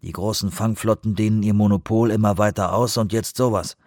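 A man's voice: on the low side, steady tone, brisk, darkish tone, no room sound, studio quality, close to an everyday voice. A man voicing a bitter middle-aged fisherman who growls his words bluntly.

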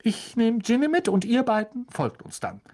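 A man doing a nervous, hurried mother. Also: extremely high pitch, wildly swooping pitch, warm tone, voice pushed up, full character voice. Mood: brisk.

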